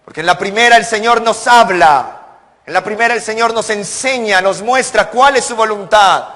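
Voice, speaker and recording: A man's voice: sits high, normal speed, pushed and bright, long reverb tail. A man preaching a sermon as pastor, earnest, asking the congregation rhetorical questions and building to emphatic peaks. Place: church sanctuary.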